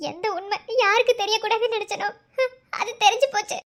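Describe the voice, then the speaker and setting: Sobbing into a phone, a guilt-ridden young cartoon mother pleads desperately and keeps repeating his name, as voiced by a performer. The delivery is quick, very high, a bit bright, and fairly even in intonation.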